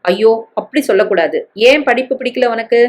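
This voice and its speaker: A woman voicing a troubled working mother who speaks to her daughter with deep feeling. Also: animated, brisk, close to an everyday voice. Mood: gentle. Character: grieving, furious working mother.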